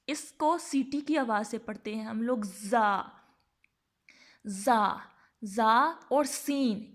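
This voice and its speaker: A woman teaching a Quran reading lesson, her voice sitting a little high. She asks her own questions and answers them in the same breath. She draws each letter sound out slowly and deliberately to demonstrate it. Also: a bit bright. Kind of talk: tajweed lesson.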